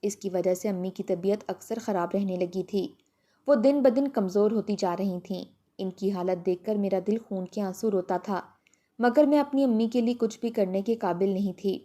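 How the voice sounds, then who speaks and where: Mellow-voiced woman telling a sad story. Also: medium pitch. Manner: steady, heartfelt reading. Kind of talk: emotional first-person story narration.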